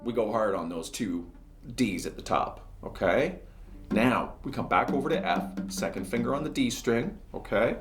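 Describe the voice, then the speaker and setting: Male cello teacher, relaxed step-by-step talk, echoey room. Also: on the low side, normal speed, over music. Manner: chatty, talks through each step while playing. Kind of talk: casual music lesson.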